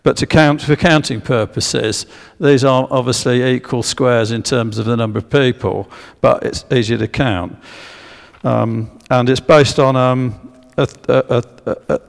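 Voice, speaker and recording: A man's voice: mid-range voice, creaky. A man giving a public history talk with slides, hesitant with many fillers and restarts, drawing guesses from the audience. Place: church. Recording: long echo of a church hall.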